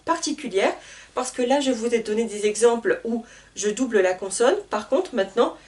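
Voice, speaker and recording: A woman teaching a grammar lesson, spelling out letters and repeating word pairs slowly. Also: on the high side, expressive, a little mellow, far from the mic. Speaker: French teacher.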